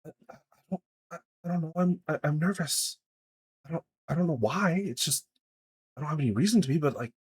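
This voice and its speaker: A man's voice: on the low side, expressive, unhurried, pauses often, breathy edge. A man voicing a nervous, sweaty masked woman who is a dragon scholar, stammering and hesitant in a tabletop game.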